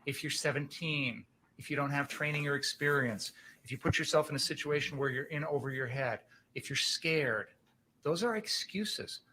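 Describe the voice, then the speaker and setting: A man's voice: medium pitch, steady tone, normal speed, bright, forceful tone, a little hiss or hum. A man speaking as a prosecutor, giving a passionate, emphatic closing argument to a jury, using pointed rhetorical questions and repetition.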